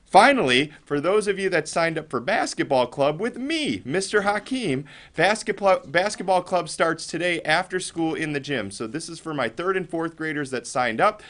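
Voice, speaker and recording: An American man with a fairly high voice delivers upbeat morning announcements at a school. He addresses the children directly and encourages them as he goes. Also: expressive, moderate pace, hardly any pauses, fairly bright tone. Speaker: elementary school staff announcer and club leader.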